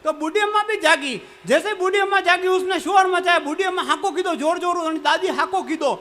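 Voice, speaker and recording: High-voiced Mewari comic poet on stage. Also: male voice, fairly quick, a little hiss or hum. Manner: lively storytelling, chuckling. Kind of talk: live comic poetry storytelling.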